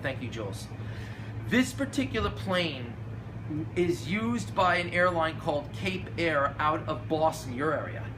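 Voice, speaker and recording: A man giving explanatory commentary in an emphatic, earnest, cautionary way, like an instructor. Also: a little high. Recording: clear background noise.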